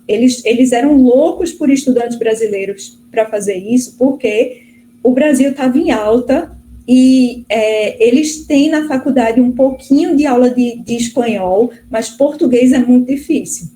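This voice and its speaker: This woman's voice is high-pitched, a little slow and mellow, captured in a low-quality recording with faint background noise. She's a middle-aged guest professor from Brazil, responding to interview questions in a chatty manner, with plenty of fillers and restarts.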